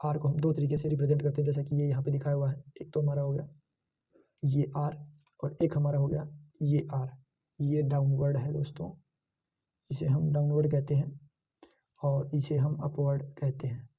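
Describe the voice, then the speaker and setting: A man teaching shorthand, slowly repeating each sound and pointing out how every stroke is drawn. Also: on the high side, completely flat delivery, mellow, breathy edge, distant mic, dull audio. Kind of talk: screen-share lesson.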